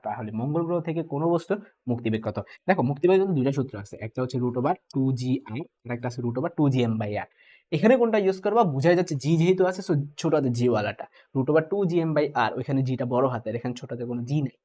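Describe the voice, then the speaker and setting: A man's voice: mid-range voice, a little mellow. A young man teaching physics in an exam-prep lecture, mixing in English terms and often checking in with the students. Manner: brisk, keeps asking "ঠিক আছে?", mixes English terms. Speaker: physics tutor.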